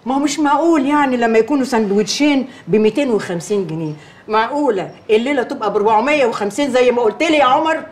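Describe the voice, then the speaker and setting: A woman's voice: a little high, rapid-fire, natural voice. An actress with an Egyptian accent playing an older mother who scolds and complains, repeating herself in exasperation. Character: fussy older mother, thrifty and restless. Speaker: mother-in-law.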